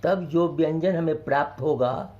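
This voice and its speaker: A male teacher speaks slowly and patiently to young pupils, going over every point twice. His voice sits a little high but sounds mellow and soft-edged. The recording is dull and lo-fi. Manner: slow, patient, explains each point twice. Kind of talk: children's grammar lesson.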